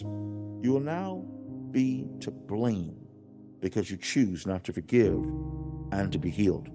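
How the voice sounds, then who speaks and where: As narrator of a dramatized religious audiobook, a man voices God as a stern but loving, earnest father. His mid-range voice is emphatic and deliberate, with dramatic pauses, and the mood swings between pleading and indignant.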